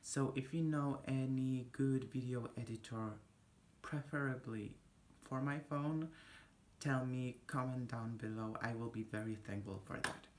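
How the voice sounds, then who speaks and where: A young vlogger with a Polish accent talks slowly and unhurriedly, rambling and breaking off mid-thought. The sound is casual and close, caught on a phone held at arm's length in a small indoor room. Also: medium pitch. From Poland. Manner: rambling, chatty, self-interrupting. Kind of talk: casual chat to camera. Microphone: phone camera at arm's length.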